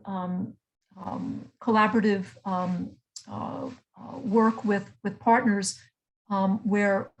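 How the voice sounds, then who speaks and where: A woman's voice: medium pitch, poor audio. A woman grants manager answering on a webinar panel, hesitant, with many ums and repeated words. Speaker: grants manager at a music nonprofit.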